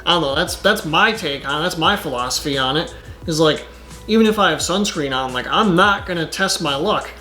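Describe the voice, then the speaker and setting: A man's voice: a little high, expressive, brisk, sharp tone, soft background music. A man doing casual reaction commentary on his channel, rambling and exasperated, with lots of filler words. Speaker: YouTuber.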